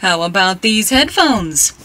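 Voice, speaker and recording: A woman voicing a polite shop clerk in a scripted English textbook listening dialogue, speaking in slow, carefully enunciated English. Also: medium pitch, animated, sharp tone, full character voice.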